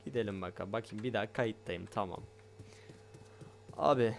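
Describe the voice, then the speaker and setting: A man giving excitable let's play commentary on a game, loud and jumpy, swearing often and talking straight to his viewers. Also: fairly low pitch, moderate pace, creaky, a little hiss or hum. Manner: loud, shouts a lot. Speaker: gaming YouTuber.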